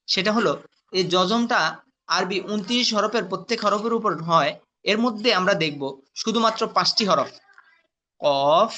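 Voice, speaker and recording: A man teaching Quran letter reading in a patient classroom lesson, spelling out sounds slowly and quizzing his students with questions. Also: sits high, bright, forceful tone, a little hiss or hum.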